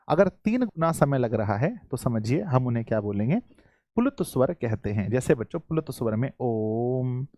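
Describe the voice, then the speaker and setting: A male teacher with a Bihari Hindi accent, giving a live online lesson in a fairly high, very animated voice. He repeats his questions to the students and clears his throat often. The sound is close and dry. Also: no room sound.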